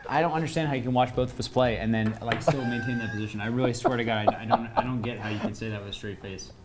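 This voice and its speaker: A man's voice: mid-range voice, fairly even intonation, very fast, very noisy. Boastful, bantering male talk-show host. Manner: boastful, playfully argumentative, laughs often. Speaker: co-host of a late night show. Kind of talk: casual panel chat.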